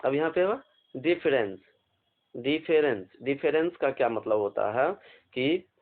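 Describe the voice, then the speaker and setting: A man's voice: mid-range voice, animated, a little slow. Man teaching vocabulary on a tinny line. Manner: spells words letter by letter, repeats and asks questions. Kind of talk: exam vocabulary lesson. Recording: phone-like narrow band.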